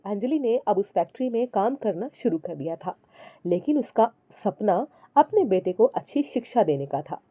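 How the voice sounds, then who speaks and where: A woman telling a scripted story in a calm, even narrating voice. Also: mid-range voice, moderate pace, no room sound.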